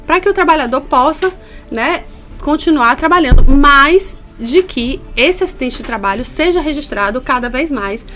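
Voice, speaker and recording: A Brazilian woman with a fairly high voice gives a radio interview from a studio as a labor inspector. She explains patiently and earnestly, leaning on key points. Faint music plays softly behind her. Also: lively intonation, moderate pace.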